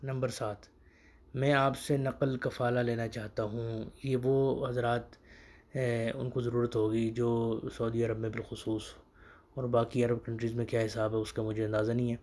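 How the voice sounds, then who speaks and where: A man who teaches Arabic phrases in a casual spoken lesson, slowing down to repeat each phrase for learners. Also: medium pitch, little pitch movement, a little mellow.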